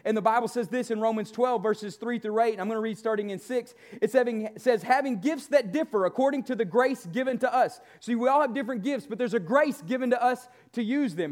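A man's voice: very high-pitched, darkish tone. A male pastor delivers a church sermon. He exhorts and motivates, leaning on emphatic repetition and calling for agreement. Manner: exhorting, motivational, seeking amens from listeners; emphatic, repeats key phrases.

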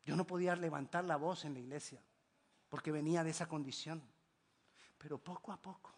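A man preaching a sermon as pastor, with emphatic exclamations, hushed low drops and repeated rhetorical questions. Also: steady tone, brisk, slightly rough.

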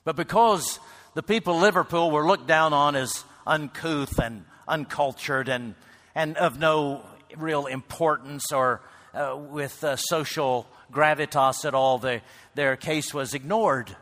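A man preaching a sermon to a congregation, swinging between loud calls and near-whispered lines. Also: fairly high pitch, a little slow. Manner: builds to loud shouts, then drops to a hush. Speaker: pastor. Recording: reverberant hall.

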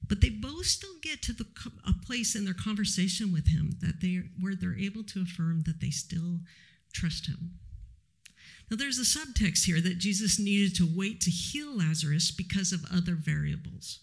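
A man preaching a sermon, reflective and measured, teaching with pauses. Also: sits high, expressive, creaky.

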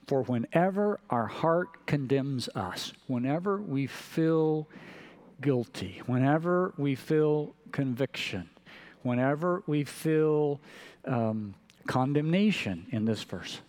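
A man preaching a sermon, telling a Bible story and voicing its figures with rising and falling pitch and loudness. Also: animated, slow. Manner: storytelling, acting out quotes with shifting pitch and loudness. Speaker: pastor.

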